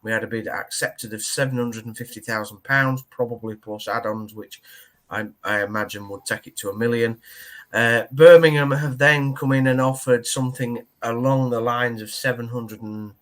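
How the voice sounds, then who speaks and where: A man's voice: mid-range voice, steady tone, normal speed. A man hosting a casual football podcast, chatty and teasing, with plenty of ums and uhs. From Yorkshire, England. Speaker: podcast host.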